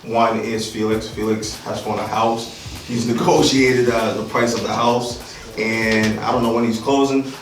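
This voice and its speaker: Recorded from a distance in an echoey room of a house, a man from Liberia in his thirties presents an informal real estate workshop to seated listeners, full of "right?" and "um." He speaks a little slowly in a lowish voice with little pitch movement. There is a slight hiss or hum.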